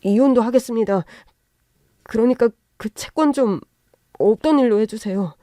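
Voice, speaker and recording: A woman's voice: on the high side, normal speed, dark tone, no room sound, clean studio sound, lightly acted. Woman doing a fawning, sly young husband. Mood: wheedling. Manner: ingratiating, pleading. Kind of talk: narrated story with acted voices.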